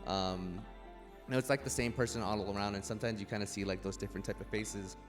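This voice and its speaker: A young man hosting a casual livestream interview from home, asking questions in a hesitant, halting way. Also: lowish voice, steady tone, music in the background. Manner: hesitant, many fillers and restarts while asking questions. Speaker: host.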